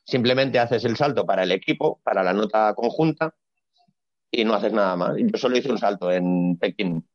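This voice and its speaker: A man, a retired gymnast explaining his career in a relaxed, blunt, colloquial way during a casual interview. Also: on the low side, normal speed, dry recording. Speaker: retired Olympic gymnast, guest. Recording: dry, slightly dull sound.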